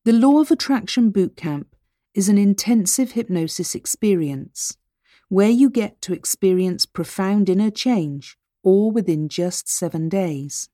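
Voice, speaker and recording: A woman reading a scripted hypnosis narration as presenter, with measured, deliberate phrasing that speaks directly to the listener. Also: medium pitch, lively intonation, mellow, no room sound, clean studio sound.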